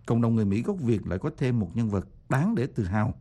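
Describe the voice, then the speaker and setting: A man reading a scripted radio commentary and announcements in a formal, measured way. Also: medium pitch, lively intonation, dark tone, slightly rough. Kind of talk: scripted broadcast narration.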